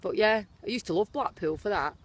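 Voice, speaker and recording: A woman's voice: medium pitch, expressive, brisk. A woman with a Northern English accent, in her thirties, chatting casually outdoors on a street and telling stories in a dry, teasing way. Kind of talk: casual chat.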